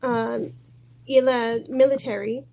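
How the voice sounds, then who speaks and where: Over a noisy background, a woman with a somewhat high voice speaks slowly and steadily in halting French conversation practice. She's American, a native English speaker at the beginner level, and she searches nervously and shyly for every word.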